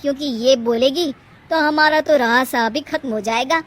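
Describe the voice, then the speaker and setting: A joking young cartoon husband. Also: female voice, high voice, moderate pace.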